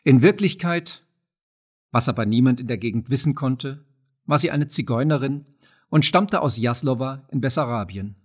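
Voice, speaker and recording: Man, audiobook narrator, husky voice, measured storytelling, mid pitch. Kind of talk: scripted narration of a novel.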